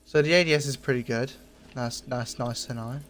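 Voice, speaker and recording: A man's voice: mid-range voice, a little fast, fairly bright tone. A man hosting a casual review of game cosmetics. He talks in an easygoing, repetitive way and often corrects his own slips. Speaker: gaming channel host.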